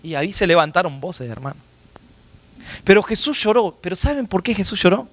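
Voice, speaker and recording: A pastor preaching a sermon in church, asking the congregation rhetorical questions and calling them brothers, his delivery swinging from loud high peaks to hushed low asides. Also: sing-song, fairly quick, dry recording. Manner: impassioned preaching with rhetorical questions, calls listeners "hermanos".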